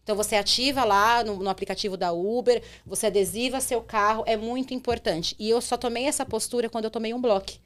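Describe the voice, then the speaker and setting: A young adult woman, a rideshare driver telling a story on a podcast in an animated way. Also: fairly high pitch, fast, few pauses. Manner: animated, acts out quotes in her telling.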